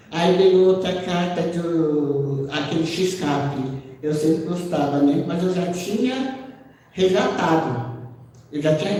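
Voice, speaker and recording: A woman's voice: on the low side, mellow. Woman testifying in an echoey church hall. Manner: conversational storytelling, often tags sentences with "né?"; acts out quoted dialogue within her story. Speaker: missionary giving a testimony. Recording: echoey church hall, voice far off, faint background noise.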